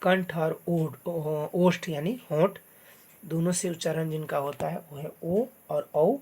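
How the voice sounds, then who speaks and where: A teacher giving a slow step-by-step lesson, naming sounds one by one in a patient manner, recorded on a phone screen recorder. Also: mid-range voice, fairly even intonation, darkish tone. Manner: spells out letters one by one, patient. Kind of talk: slow step-by-step classroom explanation.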